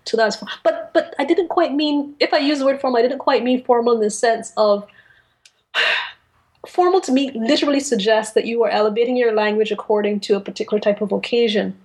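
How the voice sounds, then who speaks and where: A woman's voice: fairly high pitch, a little mellow. A woman co-hosting a literary discussion, articulate and careful in choosing her words. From Caribbean. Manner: articulate, deliberate, careful with word choice. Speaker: podcast co-host. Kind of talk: literary discussion, casual chat.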